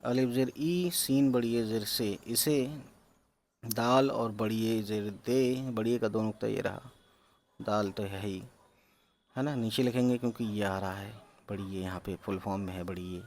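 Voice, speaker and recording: A man teaching reading, sounding out each letter and syllable slowly and patiently, with English words mixed in. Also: fairly low pitch, steady tone, darkish tone. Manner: mixes English words into explanations. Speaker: Urdu teacher.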